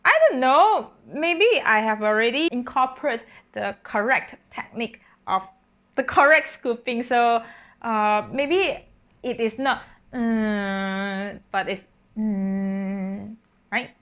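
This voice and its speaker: High-voiced woman talking through her song. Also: lively intonation, slow pace, lo-fi sound. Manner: breaks into sung solfège and scat syllables while talking; thinking aloud with fillers and self-corrections. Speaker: singer-composer. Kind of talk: casual explanation of her own composition.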